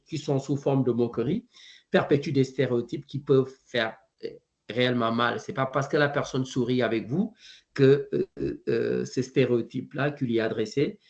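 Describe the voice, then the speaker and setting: A man giving an online presentation to educators, halting often with fillers and restarts. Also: mid-range voice, highs cut off. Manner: hesitant, frequent fillers and restarts.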